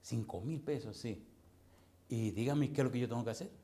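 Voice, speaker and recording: A man's voice: medium pitch, a little fast, warm tone, close to an everyday voice. A man voicing a humble street sweeper who keeps agreeing politely and repeats himself. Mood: deferential. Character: humble male street sweeper, eager to please.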